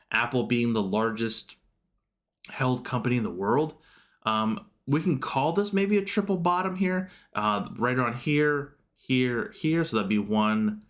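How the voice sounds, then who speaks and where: A man's voice: medium pitch, a bit bright. A man hosting a stock market livestream, walking through charts in a loose, rambling way with many fillers and restarts. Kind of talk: casual market commentary over charts.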